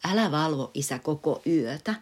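A woman voicing a fussy but caring mother rabbit in a storybook, with sharp, scolding exclamations. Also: sits low, expressive, slightly rough.

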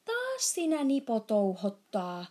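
A woman voicing a big, friendly, muddled male giant who mangles his grammar and shouts now and then in a storybook reading. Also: lively intonation. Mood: booming muddled. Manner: jumbled grammar, booming shouts.

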